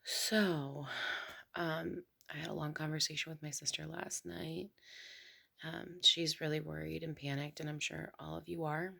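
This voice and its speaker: Young woman vlogger, low gravelly husky voice, hushed half-whisper, rambling casual chat. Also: little pitch movement, unhurried. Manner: hushed, half whispering so as not to wake someone; rambling with many fillers and restarts. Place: home, early morning.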